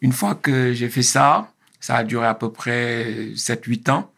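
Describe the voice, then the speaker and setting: Guy in his 50s, gravelly voice, slow careful interview answers with lots of pauses. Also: mid-range voice, fairly bright tone. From Senegal. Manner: measured, hesitant, many fillers and restarts. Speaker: interview guest, engineer and consultant. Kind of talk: casual interview.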